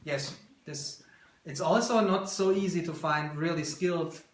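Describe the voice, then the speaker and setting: Speaking a little high and a little slowly, this German-accented man in his thirties founded the company and is showing visitors around his workshop. He explains his work casually and frequently hunts for the right word. The small indoor room sounds roomy on handheld video shot from a couple of metres off, with background noise and clicks.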